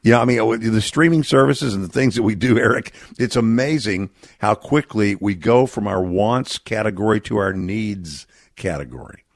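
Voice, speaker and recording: A middle-aged man from Texas speaks as a guest on a radio interview in an earnest, reflective manner. His voice sits low and carries a gravelly edge. The studio sound is dry and close. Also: moderate pace, no room sound. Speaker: charity representative guest.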